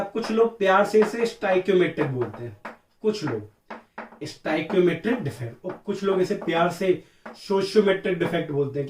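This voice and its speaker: A man's voice: fairly high pitch, darkish tone, far from the mic, a little hiss or hum. A man teaching chemistry in a lecture, asking questions and answering them himself as if he were the students, repeating key terms back and forth. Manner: calls listeners beta and sir. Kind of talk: classroom lecture. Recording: echoey room, voice from off-mic.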